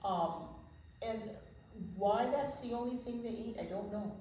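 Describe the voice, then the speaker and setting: Reading to young children, a librarian storytime host uses a fairly high, mellow voice at a measured pace, mixing the picture book with simple explanations and chatty asides. The room echoes, and faint background noise can be heard.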